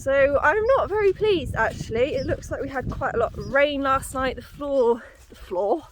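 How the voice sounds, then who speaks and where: A woman's voice: high-pitched, lively intonation, moderate pace, background noise. A woman vlogging casually outdoors as she walks, out of breath and puffing while she talks. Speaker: horse owner and vlogger. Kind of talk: casual vlog chat while walking. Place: outdoors on paddocks and hilly, boggy ground.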